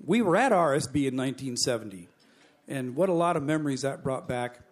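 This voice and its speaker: A man's voice: medium pitch, animated, fairly quick. A middle-aged man speaking at a convention banquet, telling jokes in a folksy way and chuckling between them. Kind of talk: after-dinner jokes and speech. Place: banquet hall.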